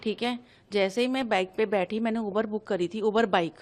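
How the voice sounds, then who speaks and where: A woman's voice: medium pitch, a little mellow. A woman from Delhi giving an agitated first-person account to a reporter, re-enacting the exchanges as she tells it. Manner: agitated, fast, re-enacting dialogue. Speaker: interviewee recounting an incident.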